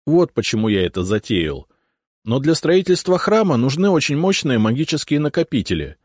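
A man narrating a fantasy audiobook in the first person, expressive and polite in dialogue. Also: medium pitch, normal speed, slightly rough, no room sound, studio quality.

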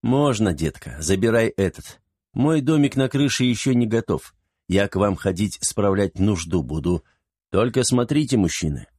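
A man's voice: on the low side, a little mellow, breathy edge, dry recording, studio quality. A man reading an audiobook, voicing a witty, commanding young man who jokes and turns stern. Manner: joking, then stern.

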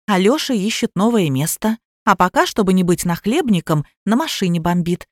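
A woman voicing a calm young adult daughter who answers evenly, in an audiobook. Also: medium pitch, moderate pace, dry recording, clean studio sound, natural voice. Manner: even, conciliatory.

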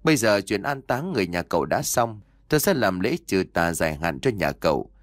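A man voicing a calm, wise old male exorcist master who speaks in a measured, instructive way. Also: sits low, no echo, studio quality.

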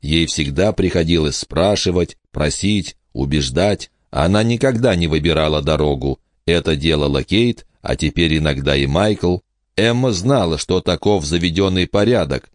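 A man narrating an audiobook in an even, measured storytelling manner. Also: deep voice, no room sound, studio quality. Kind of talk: scripted narration.

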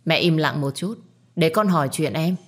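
A woman voicing a calm, firm young man in a storybook reading, an elder brother who questions steadily. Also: sits low, moderate pace.

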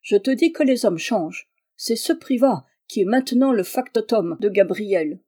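A cautious old male peasant elder, voiced by a woman reading aloud. He talks in a dreamy, grumbling way that turns prophetic, in a mellow, soft-edged tone. A storybook reading. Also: mid-range voice, animated, normal speed, lightly acted. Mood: earnest.

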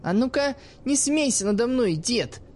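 A man voicing a cheeky, quick-tempered young woman who mocks and swears freely in a raised, high-pitched voice. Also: expressive, darkish tone, a little hiss or hum. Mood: angry. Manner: cocky, mocking, swears freely.

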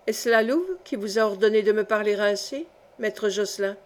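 A woman's voice: mid-range voice, normal speed, natural voice. A woman reading the lines of a suspicious, hostile young peasant of about twenty. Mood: uneasy. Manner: wary and defiant. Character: sullen, suspicious twenty-year-old peasant man.

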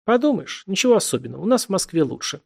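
A man voicing an excitable, chatty young woman in a read-aloud story, raising his pitch for her lines. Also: rapid-fire, creaky, husky, heavily acted. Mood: dismissive.

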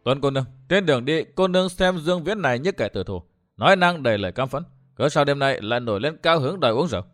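A man reading a story aloud and voicing a calm, good-humoured young swordsman who teases gently and chuckles. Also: fairly high pitch, fast, soft background music. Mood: gentle teasing.

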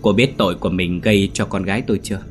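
A man voicing an angry older mother-in-law in a storybook tale, scolding in a low voice close to his own. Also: steady tone, rapid-fire, faint music behind, close to an everyday voice. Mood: accusing. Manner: scolding, accusing.

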